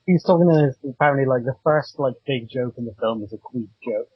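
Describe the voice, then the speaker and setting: A man co-hosting a casual film chat, talking in a halting way. His voice is muffled, as if heard through a wall, picked up by a cable headset mic. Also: mid-range voice, slightly rough. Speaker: podcast co-host.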